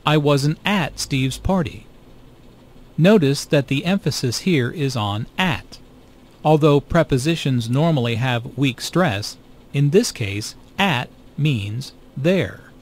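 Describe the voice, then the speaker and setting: Very slow man reading course narration. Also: mid-range voice. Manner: reads explanations in a steady, even way. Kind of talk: scripted textbook narration.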